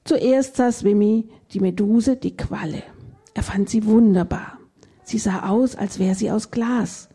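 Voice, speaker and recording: A woman reading a children's story aloud in a gentle storytelling manner. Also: mid-range voice, a little slow, breathy edge. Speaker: reader.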